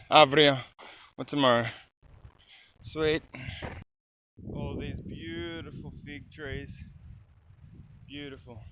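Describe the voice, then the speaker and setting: A man's voice: on the high side, bright, forceful tone, slight background noise, rough recording. A man talking casually to camera outdoors in a rural garden, chatty and swearing now and then, with dogs barking around him. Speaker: vlogger. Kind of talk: casual vlog commentary.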